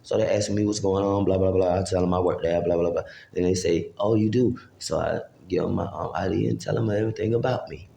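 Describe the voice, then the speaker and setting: A man's voice: deep voice, fairly even intonation, quick pace, creaky, few pauses, mellow, roomy sound, slight background noise. A man, casually telling a long, profane, rambling story to camera and acting out what people said. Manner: rambling, profane street talk with acted-out quotes. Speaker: vlogger.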